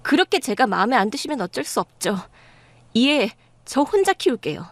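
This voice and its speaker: A woman's voice: on the high side, very animated, normal speed, no room sound. A woman voicing a young pregnant bride who stands up firmly and indignantly to her in-laws. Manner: firm, indignant. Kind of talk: dramatized story dialogue.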